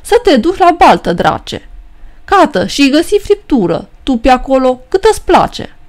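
A woman's voice: high-pitched, very animated. A cheeky peasant trickster, as a woman puts him on. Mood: mocking. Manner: mocking, bold and quick-witted.

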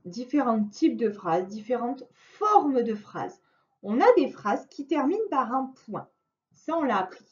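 A woman teacher slowly and patiently explaining a grammar exercise to a young child, in a recorded lesson. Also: sits high, darkish tone. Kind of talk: recorded remote classroom lesson. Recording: dull lo-fi recording.

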